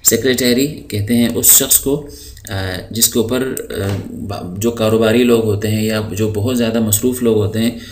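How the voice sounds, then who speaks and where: A fairly low-pitched man teaches English vocabulary in a recorded lesson. He stretches each word out slowly before explaining it patiently, often pausing on filler sounds. A faint hiss sits under his voice. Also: fairly even intonation, a little mellow. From Pakistan. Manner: patient, with frequent hesitation fillers.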